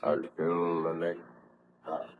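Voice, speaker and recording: A man's voice: a bass voice, flat delivery, slow pace, phone-quality sound. An actor playing a lonely, vengeful man-made monster in a solemn, formal, pleading manner in a 1930s radio horror play. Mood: sorrowful, resigned. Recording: noisy old 1930s radio recording.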